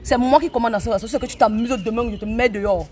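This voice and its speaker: A woman's voice: a little high, rapid-fire, darkish tone. A woman, speaking in a bossy, commanding way during a heated confrontation. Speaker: prank participant.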